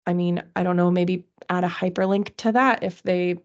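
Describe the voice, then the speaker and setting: A woman's voice: fairly low pitch, fairly even intonation, moderate pace, darkish tone. A woman chatting casually at a city committee meeting, presenting a resource list in a chatty, self-deprecating way. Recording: dull lo-fi meeting recording.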